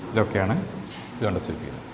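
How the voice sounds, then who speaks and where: A man with a Malayali accent teaching a phonetics lesson, repeating example words slowly and asking rhetorical questions. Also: low voice, animated. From Kerala, India. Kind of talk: classroom lesson on English vowel sounds. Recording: echoey room with faint background noise.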